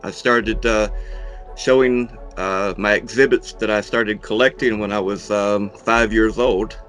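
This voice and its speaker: A middle-aged man in a casual interview, talking in an unhurried, folksy way with dry humour, as a horror host. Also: fairly low pitch, steady tone, a bit bright, faint music behind. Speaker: horror host and monster museum owner being interviewed.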